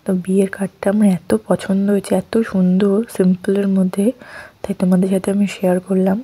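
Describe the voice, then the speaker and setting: A young woman with a cold and a sore throat, speaking softly in a vlog voice-over, sniffling now and then. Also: mid-range voice, monotone, fairly quick, husky. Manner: speaks softly and quietly at night. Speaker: lifestyle vlogger. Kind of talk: soft-spoken vlog voice-over.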